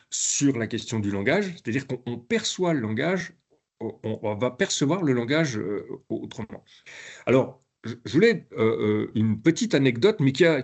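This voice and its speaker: Animated, halting male lecturer. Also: medium pitch, slightly rough. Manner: halting, conversational, frequent restarts. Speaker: university professor giving a conference talk. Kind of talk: live lecture.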